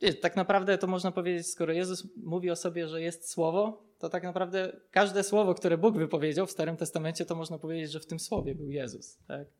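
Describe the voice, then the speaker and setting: Man explaining scripture, slightly high voice. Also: flat delivery, fairly quick, hardly any pauses. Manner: explanatory, frequent checking tags and soft laughs. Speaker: Bible teacher. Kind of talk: informal Bible teaching.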